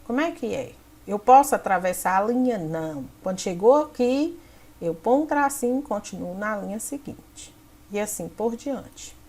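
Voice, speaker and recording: A woman's voice: medium pitch, expressive, moderate pace, darkish tone. A woman primary school teacher from Brazil, patiently explaining textbook activities to children step by step. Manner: patient, step-by-step, points at the page.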